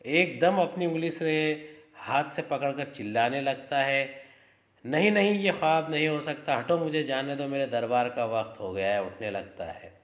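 A man's voice: medium pitch, measured pace, fairly bright tone, lightly acted. Brief: young man convinced he is the caliph, haughty and commanding, heard in a roomy echo; a man reads him. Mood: bewildered. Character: deluded young man who believes he is the caliph, imperious.

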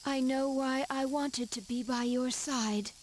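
A woman voicing a solemn, remorseful android girl in a video game, speaking softly and haltingly. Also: sits high, steady tone, a little hiss or hum, rough recording. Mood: sorrowful. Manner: slow, soft, halting.

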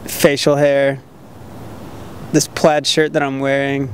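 A man answering a street interview in short, deliberate remarks. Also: mid-range voice, monotone, heavy background noise. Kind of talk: casual vox pop answers.

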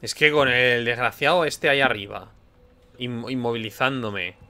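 A man's voice: medium pitch, fairly even intonation, moderate pace, bright, forceful tone. A young man with a Spanish accent from Spain, commenting on his own gameplay in an exasperated way, exclaiming and cursing at the game. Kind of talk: let's play commentary.

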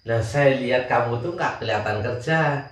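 A man's voice: mid-range voice, normal speed, a little hiss or hum. A man teasing his wife in a casual family chat and laughing often. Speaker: husband and show host. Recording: roomy echo from a distant mic.

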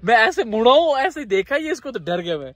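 A young man filming a casual family travel vlog on a handheld phone, excitedly talking to viewers outdoors and from a car in heavy rain. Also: very high voice, a little fast. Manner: excitable, keeps addressing viewers as guys. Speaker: vlogger.

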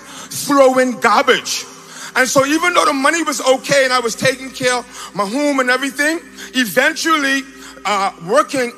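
A man raised in the Bahamas giving a spoken testimony on a large auditorium stage into a handheld mic, animated and breaking into shouts when excited. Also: very high-pitched. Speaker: testimony speaker at a church event. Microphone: handheld mic held by another man.

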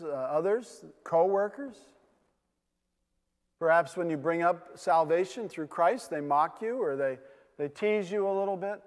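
An older man with a New England accent preaching a sermon from a pulpit in a large wood-paneled church, earnest, with rhetorical questions and frequent fillers. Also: sits high. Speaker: pastor. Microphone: pulpit mic. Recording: long church reverb.

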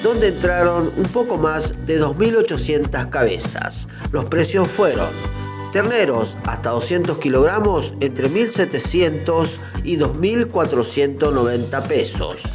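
Un hombre que narra una noticia con guion, leyendo de forma medida como reportero. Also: male voice, a little high, expressive, measured pace, over music. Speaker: news reporter. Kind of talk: scripted news narration.

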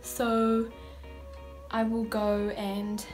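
Speaking extremely slowly in a monotone, this teenage girl has a slightly high, darkish voice, with soft music in the background. She chats informally and giggly in a New Zealand accent, vlogging with her phone at arm's length through her home and then the stable and paddock.

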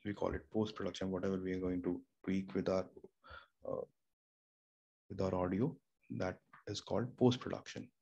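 A young man with an Indian accent hosts a casual screen-share tutorial, walking through home recording step by step with many fillers and restarts. His low, warm, husky voice is creaky, barely moves in pitch, keeps a normal speed and pauses often. He uses a studio mic through an audio interface in a small room near an air conditioner and fridge; the audio is dull, with faint room hum.

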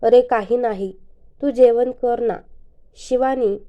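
A woman's voice: a little high, steady tone, takes it slowly, muffled recording. Woman narrator voicing a fussing motherly aunt. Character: caring middle-aged aunt, worried and scolding.

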